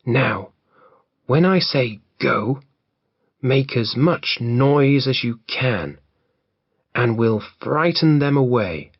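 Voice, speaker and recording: A man's voice: mid-range voice, expressive, takes it slowly, long pauses, slightly rough, dry recording, heavily acted. A man voicing Jack, a bold boy who leads his animal friends, on a dull lo-fi recording. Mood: confident. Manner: plain, confident.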